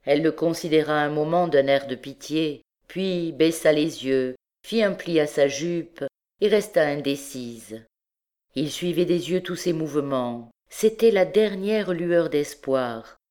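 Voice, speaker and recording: Female audiobook reader, measured, expressive narration. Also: low-pitched.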